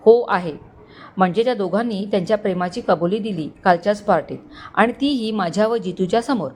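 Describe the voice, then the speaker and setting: A woman narrator voicing a young husband who talks in a reassuring, steady way. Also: medium pitch, fairly quick, close to an everyday voice.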